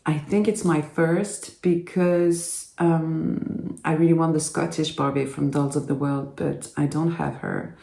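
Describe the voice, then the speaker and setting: A French-accented collector unboxes a doll at an unhurried pace, often pausing to find the next word. The voice has a gravelly edge, and the recording carries a roomy echo. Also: mid-range voice, steady tone, dark tone. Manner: halting, searching for words, with frequent ums. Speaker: doll collector and channel host. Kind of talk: casual unboxing commentary.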